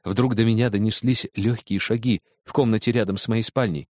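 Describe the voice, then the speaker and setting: A man's voice: lowish voice, fairly even intonation, fairly quick, a little mellow, no room sound. Man reading a story in a dry studio. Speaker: audiobook reader. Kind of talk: first-person scripted narration.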